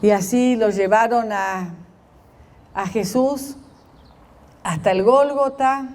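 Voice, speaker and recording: Slow, pausing woman telling a story. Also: a little high, darkish tone. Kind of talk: storytelling meditation.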